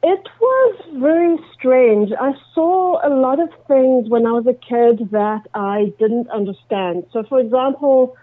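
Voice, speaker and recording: A woman in her forties answers interview questions, her voice pitched a little high. She tells her story in a thoughtful, measured way. The line is thin and phone-like and completely dry. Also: lively intonation, no echo. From South Africa. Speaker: guest.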